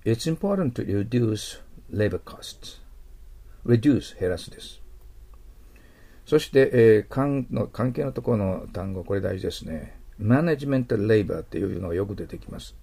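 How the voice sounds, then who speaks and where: Man, middle-aged, vocabulary lesson, gravelly, slow model pronunciations. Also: on the low side, lively intonation, dark tone. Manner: explains words, slows down to model English pronunciation. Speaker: English vocabulary teacher.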